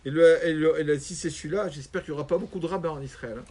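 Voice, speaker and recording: A man's voice: on the high side, racing, darkish tone, slight background noise, natural voice. A man voicing a humble, stubborn man who scolds a proud teacher in a retold story. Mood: scornful.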